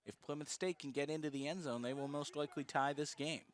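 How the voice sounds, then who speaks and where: Brisk male play-by-play football announcer. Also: a little high, fairly even intonation. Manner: brisk, precise calling of each play. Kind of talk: live football play-by-play commentary.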